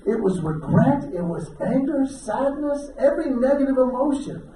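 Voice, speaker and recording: Middle-aged male comic, high voice, lively storyteller; distant room mic, audible crowd noise. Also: moderate pace. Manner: animated, acts out quotes with shouts. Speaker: stand-up comedian. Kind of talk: stand-up storytelling. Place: event hall with live audience. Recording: echoey hall from far off, crowd noise.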